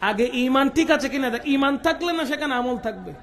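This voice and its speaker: A man's voice: extremely high pitch, expressive, fairly quick, fairly bright tone. A man preaching a sermon at a religious gathering, calling out to the crowd and chanting Arabic phrases. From West Bengal, India. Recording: echoey public-address sound.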